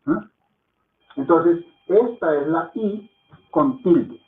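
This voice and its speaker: With a voice on the high side, this animated man draws out his words while teaching Hindi in a slow spoken lesson. He patiently repeats words so students can practice pronunciation and checks in with a soft "¿mm?" or "¿ok?". Audio is echoey, with a phone-like lo-fi quality.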